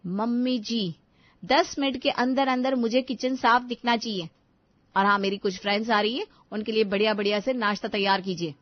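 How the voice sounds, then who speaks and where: A woman doing a spoiled young bride from a storybook, lazy and rude, brushing everything off with a bratty whine. The voice is fairly high. The sound is dull lo-fi and dry. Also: moderate pace, no echo, natural voice. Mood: bossy. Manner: bratty, dismissive whining.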